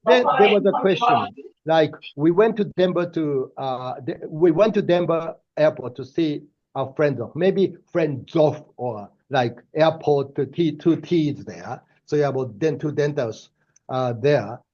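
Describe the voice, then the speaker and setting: Through a muffled recording, a university professor, an older man with a Japanese accent, gives a lecture laced with personal stories. His fairly high voice is expressive and a little mellow. He pauses to think, stumbles, fills gaps and starts over often.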